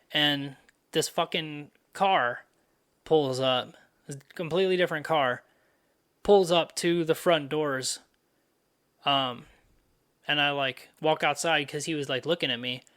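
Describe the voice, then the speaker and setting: A man's voice: fairly high pitch, fairly bright tone. A young man hosting a podcast, telling a story in a loose, profane, casual way full of fillers. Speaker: podcast host.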